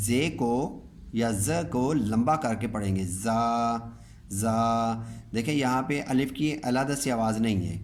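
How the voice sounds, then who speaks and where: A male teacher giving a step-by-step lesson, his voice sitting at an ordinary middle pitch. He talks patiently and slowly, saying each word twice, with a faint hiss of noise in the background. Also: darkish tone. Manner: patient, slow, repeats each word and checks understanding. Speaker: calligraphy and reading teacher.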